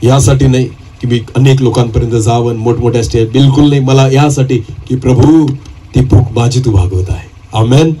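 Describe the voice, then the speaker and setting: A man's voice: medium pitch, dark tone, low-quality recording. A man preaching a sermon as pastor, his voice climbing in urgent bursts and punctuated by calls of hallelujah.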